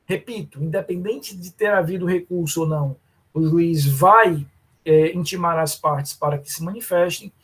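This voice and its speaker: Law prof guy lecturing, kinda husky voice, keeps calling on students by name. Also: on the high side, moderate pace, a bit bright. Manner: addresses students by name, explanatory. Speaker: law professor. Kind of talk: live online lecture.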